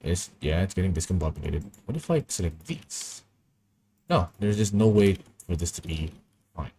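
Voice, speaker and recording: A man's voice: sits low, expressive, moderate pace, warm tone, slight background noise. A young man chatting casually and rambling through stories while he works on an animation. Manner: rambling, anecdotal, easily amused. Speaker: animation streamer.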